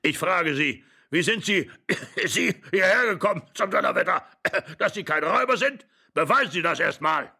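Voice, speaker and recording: A man doing a hoarse, flustered old man. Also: mid-range voice, moderate pace. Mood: agitated. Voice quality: hoarse with excitement. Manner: shouting, agitated. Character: flustered old husband, excitable, fussy.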